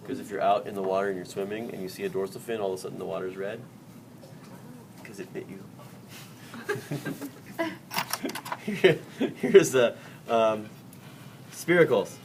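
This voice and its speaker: A man's voice: on the low side, animated, unhurried, creaky, pauses often. A man teaching a biology class during a dissection, joking and quizzing his students. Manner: jokey, chatty, quizzes the class. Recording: distant mic in a noisy classroom.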